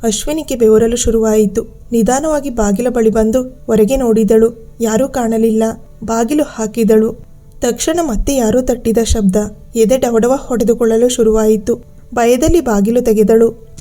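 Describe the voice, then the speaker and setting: A woman storyteller giving a steady, measured scripted narration of a ghost story. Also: a little high, faint music behind.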